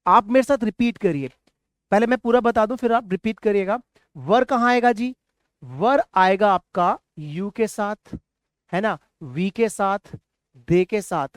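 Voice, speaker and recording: A man's voice: high-pitched, slow pace, no echo, studio quality. A man from India teaching a spoken English lesson. He patiently drills short words and has the class repeat them, with encouraging praise between drills.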